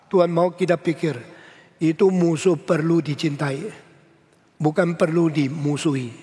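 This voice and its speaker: An older male pastor preaching a sermon, emphatic, with sharp rises on key words and phrases in English. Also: a little high, fairly even intonation, a little slow. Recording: long church hall reverb.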